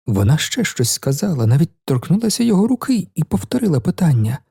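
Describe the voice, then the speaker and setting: Gravelly male audiobook reader. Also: on the high side, big pitch swings, fast, dark tone. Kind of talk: literary audiobook narration.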